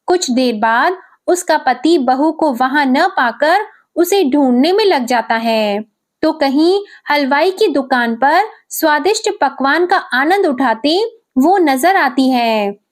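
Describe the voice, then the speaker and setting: A woman narrating a devotional folk tale in a measured, expressive reading. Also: sits high. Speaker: storyteller.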